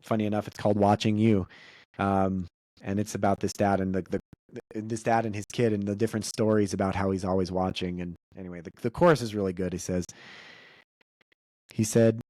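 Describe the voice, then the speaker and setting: A man's voice: fairly low pitch, level tone, fairly quick, dark tone, no echo, clean studio sound. A man co-hosting a podcast with his father, talking casually, rambling with restarts and fillers. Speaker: podcast co-host.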